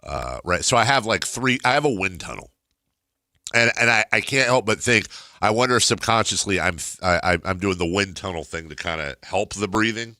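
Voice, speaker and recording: A middle-aged man hosts casual talk radio in a very deep voice with a strongly nasal, stuffed-up sound. His tone is bright and punchy, in a dry, close studio sound. He rambles, repeats his words and readily makes fun of himself. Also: expressive, normal speed, no echo. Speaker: radio talk show host.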